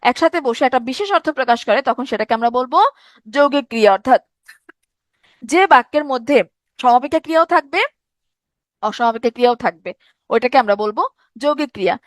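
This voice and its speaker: High-voiced woman teaching grammar. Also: fast, long pauses, no echo. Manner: asks questions and answers them herself, repeats key points. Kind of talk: grammar lesson.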